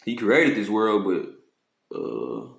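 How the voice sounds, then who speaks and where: A man talks scripture straight into his camera in loose street slang, swearing freely and checking in with his listeners again and again. His voice sits low. The room around him rings with echo. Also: very animated, vocal fry. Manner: slangy, profane, repeats "you know what I'm saying"; slows to read scripture aloud. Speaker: street preacher. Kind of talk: informal scripture teaching to camera. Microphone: phone or camera.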